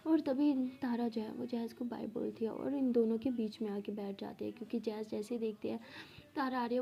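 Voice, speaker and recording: A woman storyteller narrates a love story with a soft, mellow tone. Her voice sits fairly high, and she shifts expressively into the voices of her characters. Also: gravelly.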